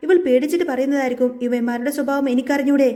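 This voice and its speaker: A woman's voice: high voice, fairly even intonation, fast talker, warm tone, natural voice. A woman reading the part of a scheming middle-aged mother who meddles with scorn in a storybook retelling. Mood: scornful.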